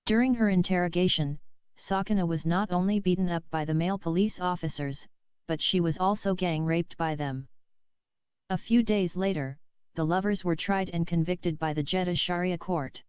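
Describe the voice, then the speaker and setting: A woman narrates a book chapter in a steady, measured audiobook reading. Her voice is exceptionally smooth and sits a little low. The recording is dry and close, with a slightly dull, lo-fi sound. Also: dry recording. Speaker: audiobook reader.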